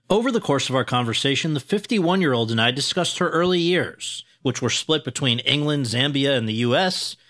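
A man's voice: on the high side, bright, forceful tone. A man hosting an awards podcast, reading a formal introduction and then interviewing his guest. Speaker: podcast host.

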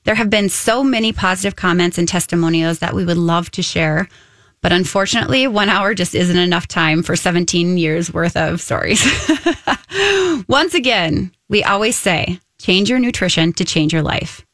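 A woman's voice: lowish voice, normal speed, a bit bright, dry recording. A woman co-hosting a nutrition radio talk show in a chatty way, often chiming in to agree.

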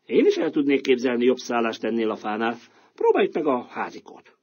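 A man voicing a proud, bossy male donkey who leads a band of animals in a storybook, with a husky voice. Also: mid-range voice, wildly swooping pitch, a little mellow. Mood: eager. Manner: confident, coaxing, upbeat. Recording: dull lo-fi recording.

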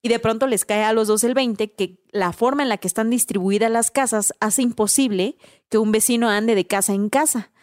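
A woman with a Mexican accent, telling a story in a casual, animated way, full of slang and tag questions. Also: fairly high pitch, moderate pace, no room sound, clean studio sound. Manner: animated, slangy, tags lines with "¿no?" and "güey".

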